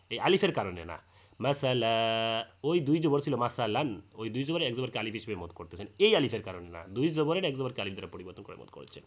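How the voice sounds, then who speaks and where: A man from Bangladesh teaches a Quran recitation lesson, patiently explaining rules, repeating his points, and slowly chanting verses as examples. His voice is medium in pitch.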